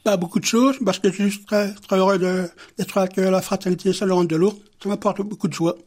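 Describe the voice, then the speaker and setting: A man's voice: high-pitched, steady tone, brisk, darkish tone. A man guest on a radio interview, giving short plain answers in a disillusioned way. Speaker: guest, fellowship member.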